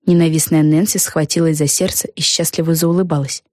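A woman narrating a children's audiobook in a lively, expressive reading. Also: low-pitched, brisk, no echo, clean studio sound. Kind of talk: scripted storybook narration.

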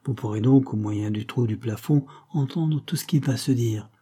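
A man reading an audiobook and voicing a cheeky young male floor washer, who talks in a brisk, slangy, knowing way. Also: medium pitch, warm tone, slightly rough, lightly acted. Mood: sly. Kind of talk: audiobook character voice.

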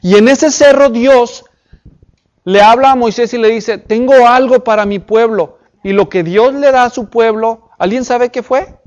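High-voiced man preaching to a group. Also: a little mellow, muffled recording. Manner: addresses the audience with questions and check-ins; reads scripture aloud slowly and deliberately. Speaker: preacher teaching a Bible class. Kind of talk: sermon-style Bible teaching.

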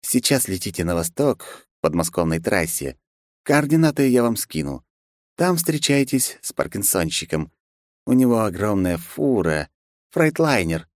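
A man voicing a cheerful, practical man who gives brisk instructions. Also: on the low side, big pitch swings, darkish tone, dry recording, clean studio sound, voice pushed up. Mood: instructing.

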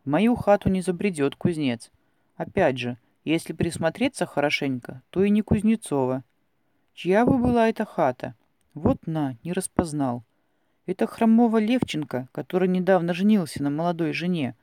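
A stubborn old Cossack villager grumbles and mutters to himself, played by a man. The voice sits high and pushes out loudly and indignantly, in a dry, close sound. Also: lively intonation, normal speed, dry recording. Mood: muttering.

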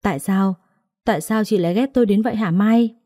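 A woman's voice: medium pitch, brisk, warm tone, dry recording, clean studio sound, natural voice. A woman voicing a frightened young pregnant wife who pleads in a tearful, desperate way. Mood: pleading.

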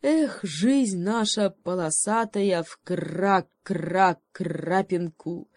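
A woman voicing a carefree, cheeky raven who drawls slowly and stutters croaks into his words. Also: on the low side, darkish tone, no room sound, studio quality.

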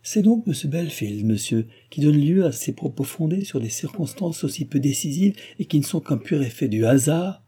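Figure: proud young heiress read by a man, cold clipped replies, raised dark husky tone. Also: fairly high pitch, expressive, moderate pace, hardly any pauses, voice pushed up. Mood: cool, firm.

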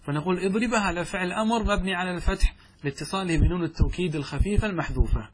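A man teaching Arabic grammar in a lesson, questioning his students and reciting verse slowly. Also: high voice, slight background noise. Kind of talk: classroom lesson explaining grammar.

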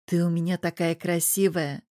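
A woman voicing an affectionate, cheerful middle-aged mother, slightly raised in pitch. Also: level tone, moderate pace, mellow, natural voice. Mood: tender.

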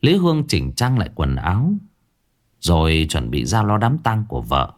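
Male horror narrator, deep and highly expressive, slow and dramatic. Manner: slow, dramatic, drawing out sound words. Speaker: storyteller. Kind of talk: scripted horror story narration.

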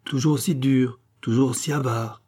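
A man's voice: medium pitch, steady tone, moderate pace, warm tone, slightly rough, natural voice. A man reading a novel aloud, voicing a cheeky young man who talks with mocking, pompous grandeur. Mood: declaiming.

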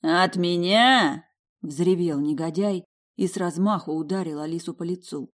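A woman giving a lively, expressive first-person audiobook narration. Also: fairly low pitch, moderate pace.

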